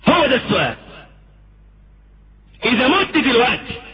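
A man with an Egyptian accent giving an impassioned sermon, swinging between pleading and booming. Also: sing-song, moderate pace. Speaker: preacher. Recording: muffled lo-fi lecture recording with faint hiss.

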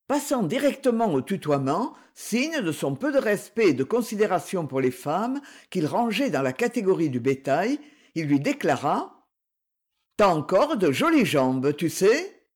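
An audiobook narrator reading a novel aloud in an even storytelling manner. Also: mid-range voice, a little slow. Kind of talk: scripted narration.

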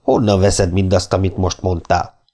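A man voicing a calm, dignified native ruler. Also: low voice, natural voice. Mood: impassive. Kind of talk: audiobook reading.

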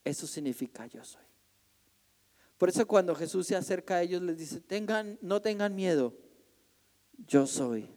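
A man's voice: high-pitched, normal speed. Preaching man in a reverberant hall. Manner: animated preaching, acts out frightened cries. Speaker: pastor. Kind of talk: sermon.

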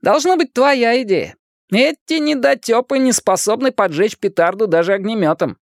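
A man reading aloud and voicing a loud, wisecracking boy who clowns and mocks his friends in a shrill, theatrical voice. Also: expressive, normal speed, no room sound, clean studio sound. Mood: teasing.

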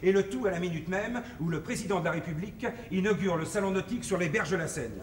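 Male, high voice, actor playing pompous, exasperated show-business schemer; 1960s film comedy, echoey, noisy old soundtrack. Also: quick pace, far from the mic, natural voice. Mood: boastful explaining. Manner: theatrical, exasperated, emphatic, declamatory. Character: excitable, scheming, self-important male show-business publicist.

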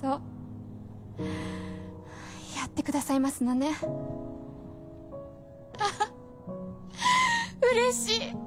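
In a radio drama, an actress voices a gravely ill, devoted wife who sounds serene yet eager, using genteel, old-fashioned polite speech. Her voice is very high-pitched.

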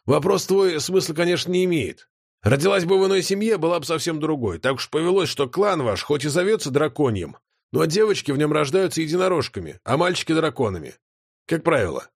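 A man's voice: on the high side, sing-song, fairly quick, vocal fry, slightly rough, dry recording, clean studio sound, heavily acted. A man voicing a cheeky, potbellied male chaos creature who mocks and lectures in a folksy way. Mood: lecturing.

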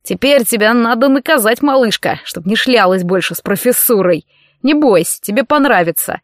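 A woman's voice: on the high side, animated, moderate pace, no echo, studio quality, close to an everyday voice. A woman voicing a brutal, jealous young male football player who growls and sneers. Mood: menacing.

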